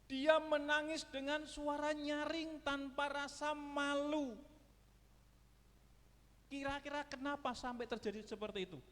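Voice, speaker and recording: A man preaching a sermon as pastor, swinging between loud and soft and asking the congregation questions. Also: very high voice, fairly even intonation, a little slow, in a large hall. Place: church hall.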